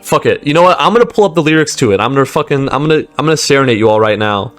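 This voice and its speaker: A man's voice: medium pitch, expressive, racing, fairly bright tone. Rambling man with faint music behind. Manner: rambling, meandering, restarting often, laughs between points. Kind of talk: rambling monologue.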